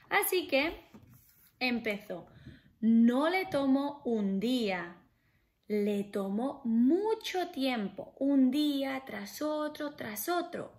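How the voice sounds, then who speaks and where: A woman telling a children's story aloud, expressive and addressing young listeners. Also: high-pitched.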